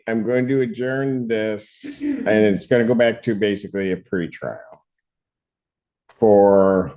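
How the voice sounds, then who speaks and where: Slow-talking male judge, plain-spoken. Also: lowish voice, darkish tone. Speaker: judge presiding over a hearing. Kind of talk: informal courtroom exchange. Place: court hearing held over video call. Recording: dull video call audio.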